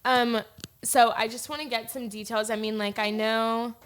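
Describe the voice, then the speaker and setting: A woman in her twenties hosting a casual podcast chat, talking fast and loose with lots of "like" fillers. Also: on the high side, flat delivery, a bit bright. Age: 20s. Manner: chatty, heavy use of "like" fillers. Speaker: podcast host.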